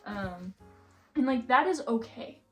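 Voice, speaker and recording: A woman's voice: on the high side, expressive, unhurried. A young woman with an American accent chatting casually and ramblingly, in a self-deprecating, giggly way, as a vlogger. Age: young adult. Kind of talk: casual chatty vlog while organizing books. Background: background music.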